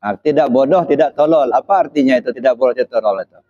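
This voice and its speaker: A man's voice: mid-range voice, fast talker, mellow. A man giving an interactive religious talk, putting questions to the audience and pressing them to answer, with frequent short "ya" checks between phrases. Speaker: Islamic preacher. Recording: slightly dull, muffled recording.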